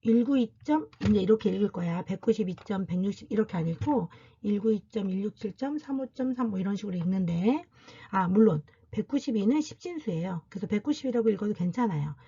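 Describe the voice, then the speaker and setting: A woman's voice: mid-range voice, animated, fast talker, warm tone, husky, dull audio. A woman university lecturer giving a recorded classroom lecture, explaining step by step and asking and answering her own questions.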